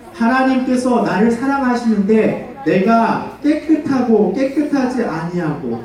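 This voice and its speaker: A man giving a children's sermon as pastor, animated and full of questions for the kids, leading them in call-and-response. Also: high-pitched. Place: church hall. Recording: echoey church hall, far from mic.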